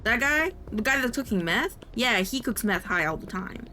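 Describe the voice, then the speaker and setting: Woman, playful livestream host, forceful bright voice, casual exclaiming chat, slight background noise. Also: medium pitch, animated, normal speed. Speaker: streamer hosting a subathon.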